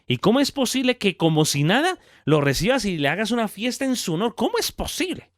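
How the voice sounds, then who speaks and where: A man's voice: high-pitched, sing-song, fairly quick, no room sound, studio quality, pitched above the performer's own voice. A man voicing an envious, indignant older brother who protests with rising questions.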